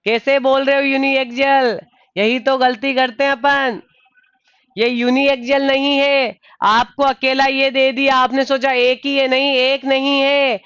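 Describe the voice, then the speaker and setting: High, smooth-voiced male tutor. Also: a bit bright, no echo, muffled recording. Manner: calls on students by name and says "dear"; repeats questions patiently. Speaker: online exam tutor. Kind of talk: live online engineering lecture.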